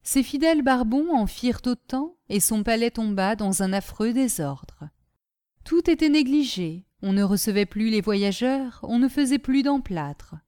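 Mellow-voiced woman narrating a classic tale. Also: fairly high pitch, animated, clear, resonant tone, dry recording, studio quality. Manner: measured storytelling. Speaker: audiobook narrator. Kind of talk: scripted narration.

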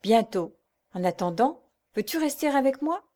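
A woman voicing a kind lady who speaks softly and tenderly. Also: high-pitched, expressive, moderate pace, pitched above the performer's own voice. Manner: soft, tender, reassuring. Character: kind grieving lady, the priest's sister.

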